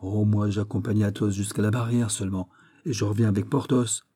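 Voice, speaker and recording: Cutting wry musketeer, a man putting him on, dark husky tone. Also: fairly low pitch, steady tone, fairly quick.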